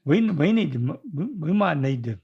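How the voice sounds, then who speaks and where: A man's voice: on the high side, big pitch swings, moderate pace, a little mellow, husky, lo-fi sound. An older man with a Southern US accent, chatting casually as a co-host in a folksy, rambling drawl. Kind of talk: casual chat.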